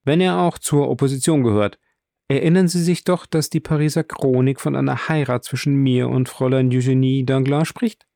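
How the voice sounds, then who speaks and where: A man's voice: medium pitch, fairly even intonation, moderate pace, gravelly, warm tone, no echo, clean studio sound, voice pushed up, natural voice. A man voicing a polite, courteous young aristocratic viscount in a read-aloud novel. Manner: polite, slightly distracted.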